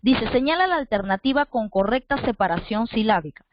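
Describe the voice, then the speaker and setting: A woman's voice: fairly high pitch, lively intonation, fairly quick, muffled recording, slight background noise. A woman teacher giving an online class, patiently repeating points and asking her students rhetorical questions.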